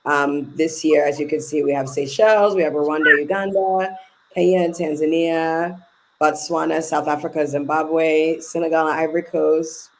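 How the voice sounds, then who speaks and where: A woman's voice: deep voice, steady tone, normal speed, a little hiss or hum, rough recording. A woman managing travel bookings, explaining trip options in a casual interview, listing details with fillers.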